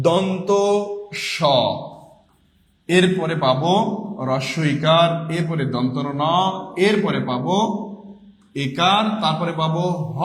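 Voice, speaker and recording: A man with a Bangladeshi Bengali accent teaching an exam-prep grammar lesson, drilling students with repeated questions and answers. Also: high-pitched. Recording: echoey room with long reverb.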